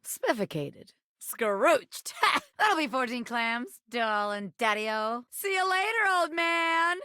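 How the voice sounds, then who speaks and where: A sassy lady bobby pin crook for a game, bright punchy voice, wisecracks in old gangster slang, super dry close sound. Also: high voice, big pitch swings, slow pace, no room sound, full character voice. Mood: sly, wisecracking. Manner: brash, slangy gangster talk with old-time slang and teasing. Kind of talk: video game character voice acting.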